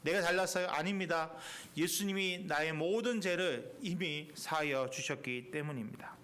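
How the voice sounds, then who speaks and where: A male pastor delivers a sermon in a church sanctuary. His voice sits fairly high for a man, and he swings between fervent, emphatic peaks and quiet, low asides. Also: normal speed. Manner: impassioned preaching with rising emphatic peaks and quiet drops.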